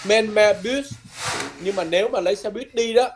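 A man teaching a language lesson, patiently repeating words slowly and ending his phrases with soft tags. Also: sits high, noisy background. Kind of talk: lesson explained from a textbook.

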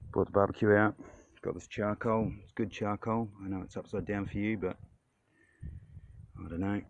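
A man's voice: on the low side, steady tone, normal speed, dry recording, muffled recording. A man in his forties with a broad New Zealand accent, chatting casually and laconically in slangy, sweary phone-vlog style. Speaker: vlogger. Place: mostly outdoors, some in a car. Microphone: handheld phone at arm's length. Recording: wind and traffic noise on phone mic.

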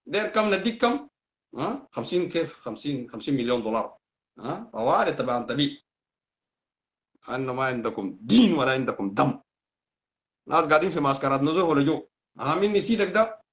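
A man's voice: fairly high pitch, a bit bright. A man with a Sudanese Arabic accent, hosting a heated political live stream, ranting with repeated insults. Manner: fast, heated, insulting, repetitive. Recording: dull lo-fi sound.

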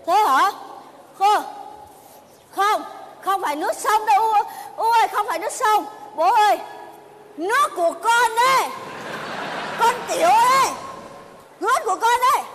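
A woman playing a silly young boy with missing teeth, shouting in a shrill, babbling childish way. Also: normal speed, pauses often. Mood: excited. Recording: live stage, hall reverb, audience noise.

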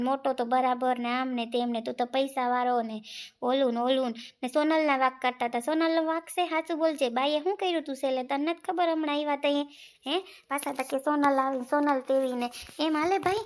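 A woman's voice: high-pitched, steady tone, brisk, natural voice. A woman playing a grumbling, fed-up younger brother in a comic family skit, with a Kathiyawadi Gujarati accent and an argumentative, complaining way of talking. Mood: aggrieved. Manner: complaining, argumentative village talk. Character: man, Sandeep, a grumbling middle-aged younger brother.

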